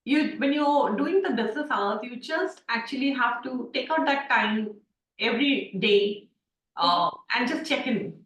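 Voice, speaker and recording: A woman's voice: fairly high pitch, lively intonation, a little slow, fairly bright tone, far from the mic. A woman teaching an online class, telling stories with lots of fillers, heard over a video call. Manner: chatty storytelling with many fillers. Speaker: class facilitator. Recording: roomy, off-mic video call.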